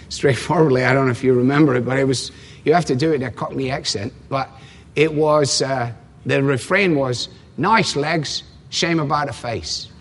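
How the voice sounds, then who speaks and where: High-voiced male preacher in a reverberant hall. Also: husky. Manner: emphatic, repeats key lines, asks rhetorical questions. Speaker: pastor. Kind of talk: expository sermon. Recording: long reverb from a large hall.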